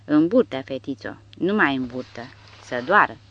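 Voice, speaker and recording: A woman's voice: a bass voice, expressive, lo-fi sound, full character voice. A woman voicing a huge brutish male soldier crazed with rage, roaring and frantic. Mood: menacing.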